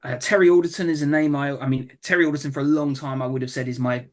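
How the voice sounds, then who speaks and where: A man with a London accent, a comedian telling stories in a casual interview, relaxed with many fillers and restarts. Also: on the high side, quick pace. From England. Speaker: comedian guest.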